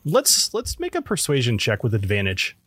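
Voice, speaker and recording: A man's voice: medium pitch, huge pitch swings, normal speed, fairly bright tone, breathy edge, no room sound, clean studio sound. A man narrating as game master in an informal, conversational way during a tabletop game.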